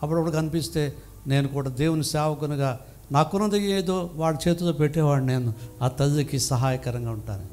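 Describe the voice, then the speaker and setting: A man's voice: on the high side, a little fast, darkish tone, faint music behind. An older man preaching a sermon in a church, emphatic and full of rhetorical questions to the congregation. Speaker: pastor.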